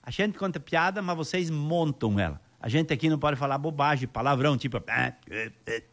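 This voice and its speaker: A radio host speaks a little quickly from the studio, his voice fairly high, bright, and expressive. He welcomes his listeners, tells jokes, and keeps the mood chatty with lots of laughter.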